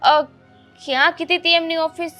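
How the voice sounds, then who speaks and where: A young woman playing a polite neighbour who hesitates and reasons calmly with an older woman in a family drama. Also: very high-pitched, normal speed, faint music behind. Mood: reasoning. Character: young woman neighbour, friend of the daughter-in-law. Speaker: neighbour character. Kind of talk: amateur family drama acting.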